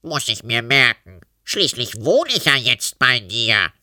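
A man voicing a grumpy, rude, hairy red earth monster with a rough, growling voice. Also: medium pitch, very animated, unhurried, bright, forceful tone, no echo, studio quality, heavily acted. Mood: cheeky. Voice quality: rough, gruff. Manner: sulky, cheeky, growling.

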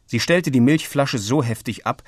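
A man reads a children's story aloud in a lively manner, giving each family member a voice. The sound is close and dry, with no room echo. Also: mid-range voice, moderate pace. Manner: lively, voices characters in dialogue. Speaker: narrator. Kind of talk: audiobook reading.

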